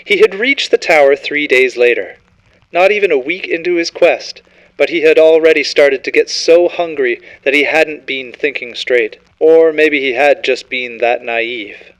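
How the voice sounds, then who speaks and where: A man's voice: a little high, unhurried, a bit bright, rough recording. A man reading a scripted horror story as narrator, in a dramatic, ominous storytelling manner.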